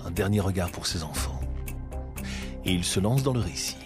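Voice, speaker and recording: A man narrating a story in a measured, expressive storytelling voice. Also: low voice, over music.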